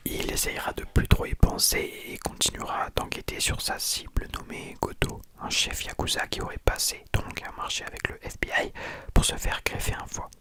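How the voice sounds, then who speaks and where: A person speaking in a hushed, breathy library whisper, telling and reviewing a book informally for ASMR. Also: moderate pace. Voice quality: soft, breathy unvoiced whisper. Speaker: ASMR content creator.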